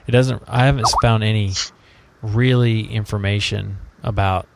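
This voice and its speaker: A man's voice: lowish voice, steady tone, normal speed, vocal fry, heavy background noise. Rambling, jokey male podcast host. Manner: rambling, jokey, laughs a lot. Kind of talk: casual podcast chat.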